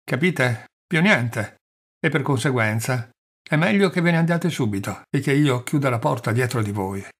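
A man voicing a haughty, scornful gentleman. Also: mid-range voice, expressive, normal speed, breathy edge. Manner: cold and disdainful. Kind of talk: audiobook character reading.

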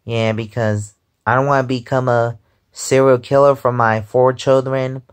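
A twenty-five-year-old vlogger lies in bed at home, filming on a phone held close above his face as he chats casually and rambles, often repeating "because, um." His mid-range voice is smooth and level at a measured pace.

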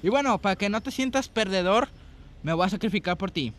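A man's voice: high-pitched, animated, brisk. Teasing young man trash-talking a friend. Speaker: co-player. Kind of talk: casual gameplay banter.

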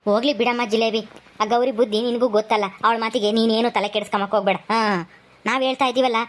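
A woman's voice: a little high, steady tone, fast, slight background noise, voice pushed down, lightly acted. A woman voicing a kindly village elder brother who comforts his sister. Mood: consoling.

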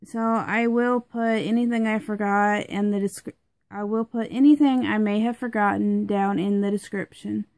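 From home, a congested young woman gives a rambling, chatty product review packed with fillers. She keeps a steady tone and moderate pace in a medium-pitched, slightly mellow voice, and the recording is dry with no room echo.

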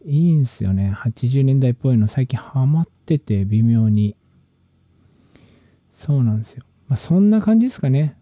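A man's voice: mid-range voice, moderate pace, no room sound, clean studio sound. A musician talking casually about his own production work, in a loose, rambling way with slangy phrasing and frequent restarts. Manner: relaxed, rambling, slangy speech with many restarts. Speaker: musician and channel host.

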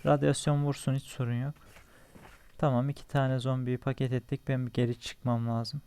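Playing a survival game, a young man who hosts a gaming channel chats casually to himself, cracking jokes and swearing at enemies. He has a smooth, mellow, mid-range voice.

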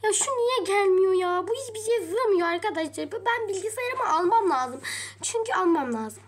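High-pitched woman, chatty game role-play vlogger, talks straight to viewers. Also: animated, moderate pace. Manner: chatty, addresses viewers often, mild swearing. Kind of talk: narrating a pretend trip vlog in a game.

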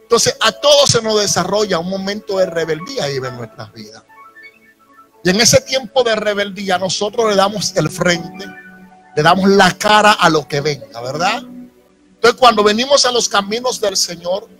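With a high, expressive voice at a moderate pace, a man in his thirties from the Dominican Republic preaches to a gathered congregation. The pastor, who has a Dominican Spanish accent, uses a handheld microphone, builds his emphasis, and addresses asides to listeners while soft instrumental music plays.

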